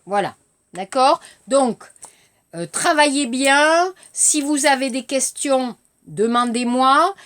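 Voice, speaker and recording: A woman teaching a lesson, speaking slowly and clearly and mixing in Korean glosses. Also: high voice, animated, a bit bright. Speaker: French teacher. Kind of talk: language lesson.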